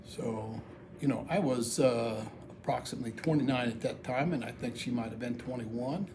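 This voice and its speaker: A middle-aged or older American man speaks at normal speed and medium pitch, recounting a personal story in a plain, folksy, casual way. He's an amateur video storyteller, and the recording has clearly audible background noise.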